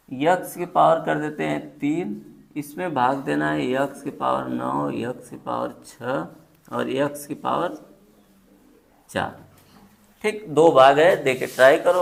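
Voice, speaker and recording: A man's voice: fairly high pitch, vocal fry. A man teaching a maths class, walking students through each step and checking they follow, in colloquial speech with a few dialect words.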